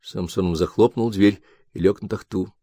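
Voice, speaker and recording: A man reading a novel aloud as narrator in an even, subdued manner. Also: low voice, normal speed, no echo, clean studio sound. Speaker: audiobook narrator. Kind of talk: scripted narration.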